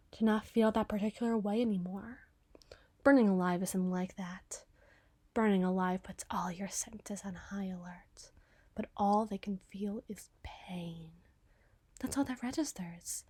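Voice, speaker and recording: Here a woman voices a young, sardonic detective in ASMR roleplay, someone sharp and obsessive. She speaks with teasing sarcasm, lingering over grim specifics, and her mid-pitched voice has a slight roughness.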